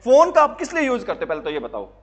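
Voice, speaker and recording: A man's voice: very high-pitched, wildly swooping pitch, quick pace. A male teacher giving an exam-prep lesson to students, asking questions and answering them himself in a call-and-response way, with jokes and anecdotes. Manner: jokey, tells anecdotes.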